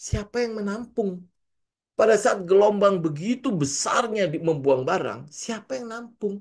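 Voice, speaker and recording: A man's voice: high voice, lively intonation, normal speed. A man with a Jakarta-slang Indonesian accent, giving a casual trading lesson. He keeps asking rhetorical questions and acts out what traders say. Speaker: trading coach.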